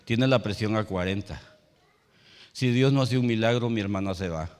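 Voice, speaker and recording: A male pastor preaching a sermon. He tells a personal story and rises to loud, emphatic calls. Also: on the low side, moderate pace, in a large hall. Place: church sanctuary.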